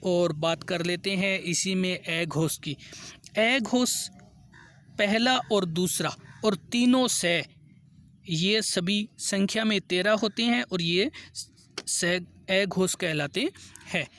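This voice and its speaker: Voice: medium pitch, slow, fairly bright tone. Methodical teacher repeating each answer. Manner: reads question numbers in English. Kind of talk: exam-prep grammar lesson, question by question.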